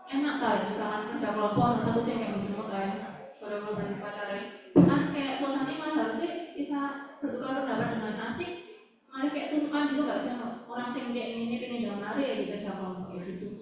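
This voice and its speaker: Fast, chatty young woman. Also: a little high. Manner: chatty, peppered with filler words. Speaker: guest speaker for students. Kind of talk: talk to a campus audience. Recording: echoey hall, far from the mic.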